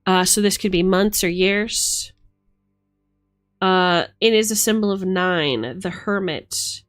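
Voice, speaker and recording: Over background music, a woman reads tarot on a live stream in a relaxed, chatty way, thinking out loud with informal wording. She speaks slowly in a fairly low voice.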